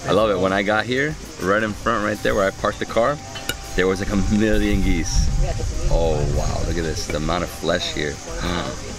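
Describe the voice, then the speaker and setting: A man's voice: low voice, moderate pace, music in the background, rough recording. A man in his thirties vlogging about food at an outdoor terrace, talking to a camera held at arm's length and savoring each bite with enthusiastic murmurs. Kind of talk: casual food vlog narration. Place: outdoor restaurant terrace under a vine pergola.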